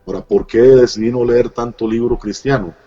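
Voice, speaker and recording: A man's voice: mid-range voice, fairly even intonation, a little fast, dark tone, husky, lo-fi sound, soft background music. A middle-aged man, a pastor giving his personal testimony in an interview, speaking earnestly and reflectively with many hesitant fillers. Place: Costa Rica.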